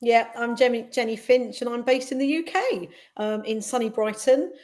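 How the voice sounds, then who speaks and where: A woman in her fifties introducing herself on a panel, relaxed and full of fillers. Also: a little high, moderate pace. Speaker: recruiter, panel guest.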